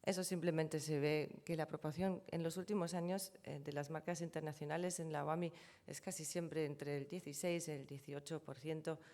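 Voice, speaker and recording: Speaking in a low, mellow voice with a steady tone and moderate pace, a German-native woman presents on trademarks at a conference. She explains the figures on her slides one by one and frequently corrects herself along the way.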